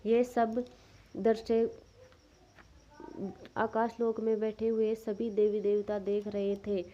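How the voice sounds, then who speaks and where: A woman retelling a folk tale for children in an unhurried way, often stopping to correct herself. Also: a little high. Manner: flat, unhurried telling with frequent self-corrections. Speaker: storyteller. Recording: dull lo-fi recording.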